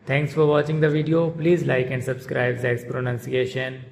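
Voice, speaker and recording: A man hosting a pronunciation lesson, repeating words slowly and deliberately. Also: medium pitch, completely flat delivery, gravelly, slight background noise. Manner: slow, deliberate repetition of words. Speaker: pronunciation channel host.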